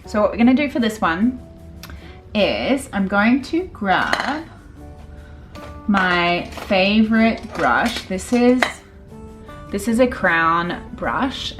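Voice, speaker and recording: A woman, a makeup artist chatting casually through a tutorial with lots of fillers. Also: fairly low pitch. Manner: chatty, filler-heavy, relaxed.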